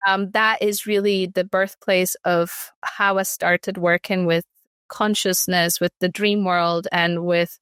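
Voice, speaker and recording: A woman's voice: lowish voice, flat delivery, takes it slowly, a bit bright, clear, resonant tone, no room sound, studio quality. A woman in her thirties from Ecuador, speaking reflectively as an interview guest, often restarting her sentences. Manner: reflective, frequent restarts and fillers. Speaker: guest, artist. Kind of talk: conversational interview.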